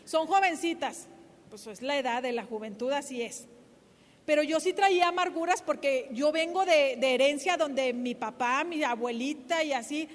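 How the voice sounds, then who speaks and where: A middle-aged woman pastor, preaching a sermon in a loud, emphatic, lively way. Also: high-pitched, in a large hall. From Mexico.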